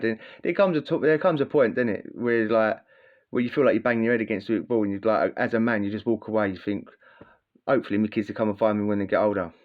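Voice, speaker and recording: A man telling a casual story in a slangy, rambling way, often repeating himself. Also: medium pitch. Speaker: vlogger. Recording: slightly dull lo-fi audio.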